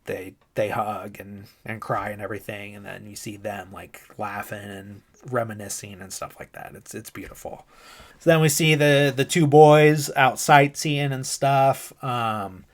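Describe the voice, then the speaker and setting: Low-voiced man rambling through a movie recap. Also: measured pace. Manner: rambling, heavy use of fillers. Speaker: podcast host.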